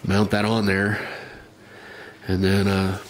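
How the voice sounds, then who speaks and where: Man, nasal and low-pitched, monotone, easygoing how-to presenter with filler-heavy delivery. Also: takes it slowly, a little hiss or hum. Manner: rambling, plain-spoken, many fillers. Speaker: hobbyist showing a rifle customization. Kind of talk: casual how-to demonstration.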